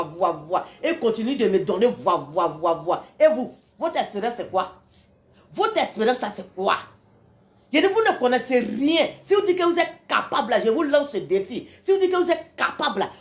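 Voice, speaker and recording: Woman, fervent self-styled preacher, scolding and repetitive, slightly high pitch. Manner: scolding, repetitive, rhetorical questions, frequent "hein". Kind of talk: impassioned religious tirade.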